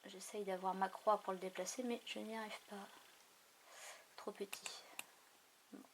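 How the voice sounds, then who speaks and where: A woman hosting a craft tutorial, thinking aloud in an unhurried way with many fillers as she works on a computer. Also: medium pitch, flat delivery, slight background noise. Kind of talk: casual screen tutorial narration. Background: mouse clicks.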